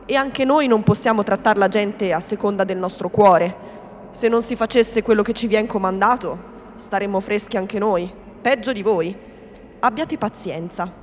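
A woman's voice: mid-range voice, moderate pace, natural voice. Scheming male notary, soothing and false, read by a woman, in a reverberant hall. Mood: coaxing. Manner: coaxing, falsely kindly, then stern. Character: smooth-talking scheming middle-aged male notary. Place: reading event in a hall. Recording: long hall reverb, faint background noise.

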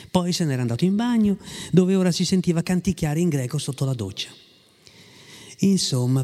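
A man reading a story aloud with a lively, ironic delivery and occasional asides to his listeners. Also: on the high side. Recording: long hall reverb.

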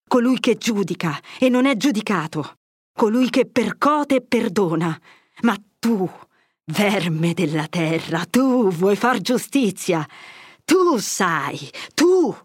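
A woman's voice: on the low side, steady tone, a little slow, dry recording, clean studio sound, close to an everyday voice. A woman reading an audiobook, voicing a grave elderly male friar whose solemn words turn to severe rebuke. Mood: thundering rebuke. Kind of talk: audiobook character voice.

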